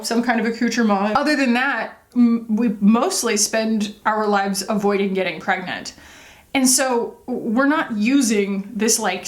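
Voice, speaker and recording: A beauty vlogger chats casually while doing her makeup, sharing confessional thoughts in a candid, empathetic way peppered with emphatic asides. Her voice is medium-pitched and a bit bright.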